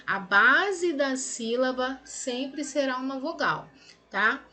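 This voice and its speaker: A woman's voice: high voice, lively intonation, slow pace, pushed and bright. A woman with a Brazilian Portuguese accent, teaching grammar, explaining step by step, stretching out words syllable by syllable and checking in often with her students. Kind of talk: recorded lesson correcting exercises.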